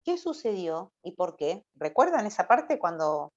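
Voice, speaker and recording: A woman's voice: on the low side, sing-song, unhurried, darkish tone. A woman preaching to a church youth group in a conversational way, often closing her phrases with a questioning "no?". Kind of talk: informal Bible teaching sermon. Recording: dull lo-fi recording.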